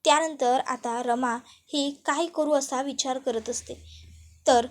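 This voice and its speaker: A woman briskly retelling a TV serial episode, reading out each character's lines herself. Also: sits high, steady tone. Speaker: serial recap narrator.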